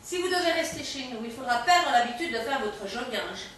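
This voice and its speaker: A woman's voice: on the high side, animated, normal speed, fairly bright tone, far from the mic. An actress playing a stern, pious mother superior who speaks formally and solemnly. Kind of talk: stage comedy acting. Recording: echoey stage heard from afar, faint noise.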